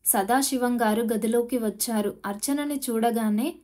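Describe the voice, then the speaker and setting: A woman narrating a family drama audio story in a steady, emotive reading voice. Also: on the high side, unhurried. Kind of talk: scripted narration.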